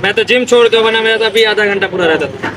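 A man's voice: sits high, fast. A man in casual conversation, insistent and scolding, talking outdoors. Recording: crowd noise behind.

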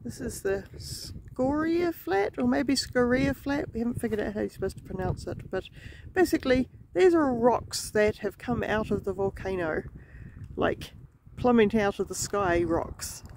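A woman's voice: mid-range voice, moderate pace. A young woman with a New Zealand accent, chatting casually and pointing out sights on a road trip vlog, recorded on a handheld camera. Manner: chatty, giggly, narrates sights. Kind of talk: casual chat. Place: in a car, then outdoors in snow. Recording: noisy handheld camera audio.

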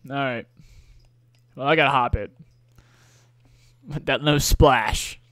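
A man's voice: mid-range voice, slow, a bit bright, smooth, no echo. A young man co-hosting a game stream, chatting playfully and joking around. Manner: playful, jokey, breaks into silly voices. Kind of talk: casual gameplay commentary.

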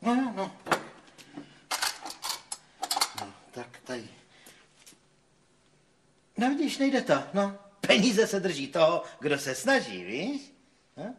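An actor playing a wry, talkative village cobbler in a fairy-tale film. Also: male voice, sits high, wildly swooping pitch, pauses often, a bit bright, a little hiss or hum, full character voice. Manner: chatty, wry. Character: folksy, crafty village cobbler.

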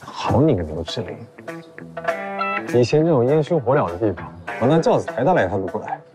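A man's voice: mid-range voice, big pitch swings, a little fast, close to an everyday voice. An actor playing a proud, jealous ex-husband in his thirties in a screen drama, speaking with haughty indignation. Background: background music.

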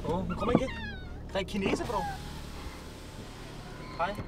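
A man's voice: very high voice, wildly swooping pitch. A young man hosting a vlog from inside a car, joking and teasing in brash, slang-heavy casual talk. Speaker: vlogger host. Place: inside a car at a drive-through attraction. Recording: noisy in-car recording.

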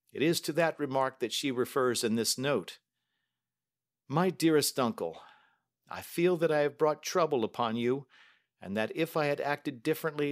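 A man's voice: mid-range voice, lightly acted. A man reading a story aloud and voicing an older banker, distraught and pleading, in a raised, strained voice. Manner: pleading and overwrought. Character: distraught older male banker, grief-stricken, excitable.

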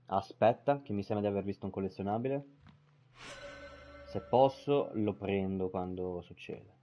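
A man's voice: on the low side, normal speed, muffled recording, soft background music. A man streaming a game, swearing casually and stumbling as he reads in-game texts aloud. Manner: swears casually, stumbles over words while reading. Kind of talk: live gameplay commentary and reading in-game texts aloud.

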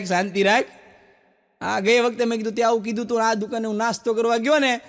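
A man with a Gujarati accent doing stand-up, telling jokes and stories in a chatty way with asides to the audience. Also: high-pitched. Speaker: stand-up comedian. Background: audience laughter.

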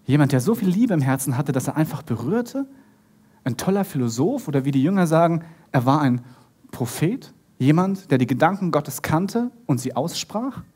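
A male pastor delivering a sermon in the manner of a vivid storyteller. His pitch swings widely up and down, and his voice has a slightly husky edge. He turns often to address his listeners directly. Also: big pitch swings, moderate pace, a little mellow.

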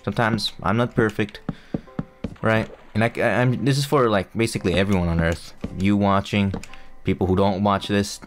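Speaking over music, a young man keeps a steady tone and a moderate pace in a lowish voice. He's a non-native English-speaking gaming YouTuber whose casual commentary rambles, makes fun of himself, and is peppered with fillers and restarts.

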